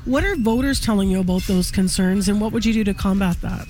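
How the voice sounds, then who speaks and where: A woman's voice: medium pitch, fast, mellow, soft background music. A woman hosting a morning radio show, talking conversationally with frequent fillers. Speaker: radio host. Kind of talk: radio interview.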